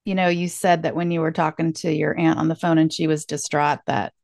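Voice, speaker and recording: A woman's voice: deep voice, little pitch movement, brisk, vocal fry, no echo, clean studio sound. A woman hosting a podcast interview, affirming her guest in casual chat with lots of filler words. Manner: warm, affirming listener, talks with many fillers like "like". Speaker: podcast host.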